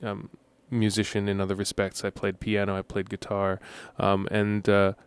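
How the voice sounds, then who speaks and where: A young man guesting in a radio studio interview, explaining at length in a relaxed way with many ums. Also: fairly low pitch, moderate pace, smooth, dry recording. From United States. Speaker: musician guest.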